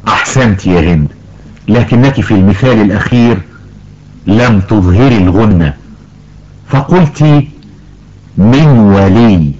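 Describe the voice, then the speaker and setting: Guy doing a patient old grandpa teaching recitation, slow careful drawn-out examples, muffled lo-fi audio. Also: on the low side, expressive, a little mellow. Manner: slow, careful explaining, stretches out example words. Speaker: tajweed teacher. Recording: dull lo-fi recording.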